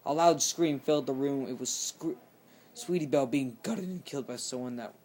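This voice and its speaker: A man reading a horror story aloud, halting and often restarting mid-sentence. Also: medium pitch, darkish tone. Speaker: channel host reading horror stories.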